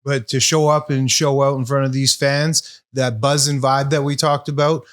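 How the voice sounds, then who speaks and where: A man's voice: medium pitch, little pitch movement, moderate pace. A man who used to play pro football, co-hosting a sports podcast with emphatic, enthusiastic talk. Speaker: former pro football player, co-host. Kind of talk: casual sports chat.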